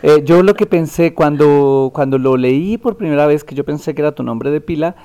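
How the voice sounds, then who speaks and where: A man's voice: on the high side, normal speed, warm tone. A man hosting a talk show, who talks in a rambling, affectionate way and often corrects himself. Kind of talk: casual interview hosting.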